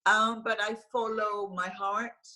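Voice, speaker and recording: A woman in her forties with an Israeli accent, a singer-songwriter talking slowly and thoughtfully on a video call interview. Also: medium pitch, level tone, bright, forceful tone. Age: 40s. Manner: slow and thoughtful, with frequent restarts and laughs. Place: small room at home, indoors.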